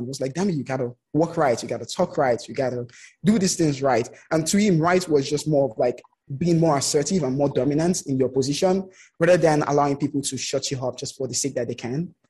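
A man from outside the United States, his voice a little high and edged with breath, talks fast as an interview guest. He tells personal stories conversationally, animatedly retelling them and acting out the remarks he quotes.

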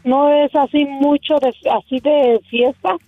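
A woman's voice: sits high, fairly even intonation, a little slow, no echo. A woman calling in to a radio show, chatty and plain-spoken. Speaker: caller. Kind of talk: phone call to a radio show. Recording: dull lo-fi phone line.

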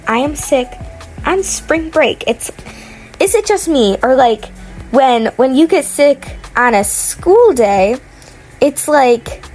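Sick in bed at home, a young woman gaming vlogger narrates gameplay in a casual, rambling way packed with fillers and restarts. Her voice, on the high side, sounds off, and the recording is rough.

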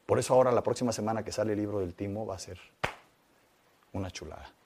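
Lower-voiced man telling animated stories. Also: fast, slight background noise. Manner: lively anecdotal, swings between loud excitement and quiet reflection. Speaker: guest, magician. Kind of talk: animated storytelling in interview.

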